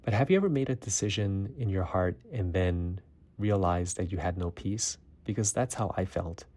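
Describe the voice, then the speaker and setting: Earnest male physician with a lowish voice, reflective testimony, gently self-mocking. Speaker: physician and faculty mentor. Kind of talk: personal testimony storytelling.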